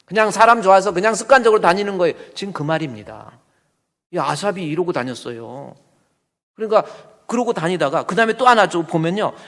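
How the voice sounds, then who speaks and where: A male pastor with a high voice delivers an animated sermon and keeps firing rhetorical questions at the congregation. The sound carries a long reverb from a church sanctuary. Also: a little fast. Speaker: senior pastor.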